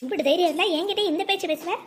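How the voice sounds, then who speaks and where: A voice actor playing a stern elderly widowed mother who scolds and commands, in a sped-up, pitch-raised cartoon voice. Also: rapid-fire, a little hiss or hum. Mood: scolding. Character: stern elderly widowed mother, fiercely protective of her property. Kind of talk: cartoon voice acting.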